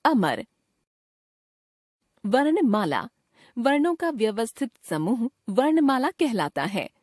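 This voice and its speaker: A woman teacher reading a grammar lesson aloud in a measured, dictating way, listing examples one at a time. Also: fairly high pitch, very animated, a little mellow, husky, no room sound, clean studio sound.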